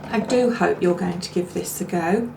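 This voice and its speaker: A woman's voice: on the low side, normal speed, a little mellow. Chatty woman cooking at home. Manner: chatty and homely, talking while cooking and eating. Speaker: cooking show host. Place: home kitchen. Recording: echoey room with clear background noise. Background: clatter of dishes and cutlery.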